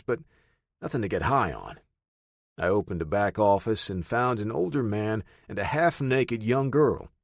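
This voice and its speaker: A man reads a first-person audiobook in a steady, matter-of-fact voice. His voice sits on the low side. The recording is dry and close. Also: no room sound. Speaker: audiobook narrator.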